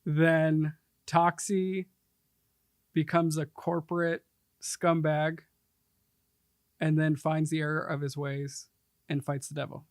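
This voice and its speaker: A man's voice: on the high side, little pitch movement, slow, long pauses, clean tone, no echo, studio quality. A man sitting in as podcast co-host, chatting casually, agreeing and laughing easily. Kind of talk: casual chat.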